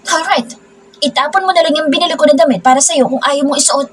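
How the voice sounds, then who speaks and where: An irritable rich young husband, curt and brusque, as read by a woman in a storybook reading. The voice sits higher than her usual narration. Faint music plays underneath. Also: fast, close to an everyday voice. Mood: irritated. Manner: curt, then teasing.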